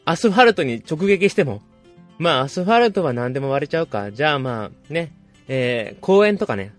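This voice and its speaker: A man talks on his own in a loose, rambling way, joking his way through a story. His voice sits a little high and swings widely up and down. Faint music plays behind him. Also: very animated, a little fast. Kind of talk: casual monologue.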